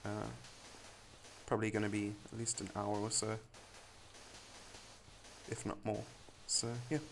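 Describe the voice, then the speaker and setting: A man's voice: lowish voice, monotone, unhurried, creaky, slight background noise. Chatty man streaming a building game. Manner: rambling, chatty, laughs often. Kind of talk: casual live-stream chat while gaming.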